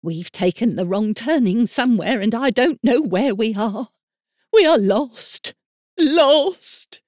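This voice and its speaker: A woman's voice: mid-range voice, sing-song, slow, slightly rough, no echo, clean studio sound, pitched above the performer's own voice, full character voice. A woman reading aloud and voicing a frightened, protective nurse with anxious, breathless pleading. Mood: panicked. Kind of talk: storybook reading.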